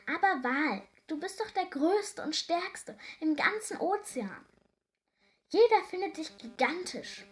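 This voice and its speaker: A woman voicing a kindly male deep-sea doctor fish in a children's story, gentle and soothing. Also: takes it slowly. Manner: gentle, soothing, cries out when in danger.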